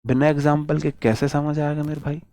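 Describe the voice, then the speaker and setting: A man teaching English grammar to exam students, drawing out each example slowly and asking the class rhetorical questions. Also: a little high, flat delivery, dark tone, no echo.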